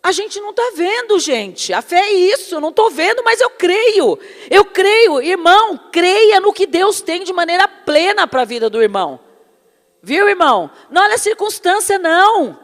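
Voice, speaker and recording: High-voiced woman preaching in a hall. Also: lively intonation, normal speed. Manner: fervent, addresses listeners as brothers and beloved. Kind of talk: sermon with personal testimony.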